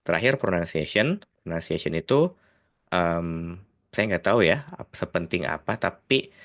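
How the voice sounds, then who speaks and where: A man's voice: low-pitched, lively intonation, unhurried, fairly bright tone. A man with a Sundanese accent teaching a casual video lesson. He explains in a chatty way, with many tag words and hesitations, and mixes English phrases into his talk. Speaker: IELTS tutor.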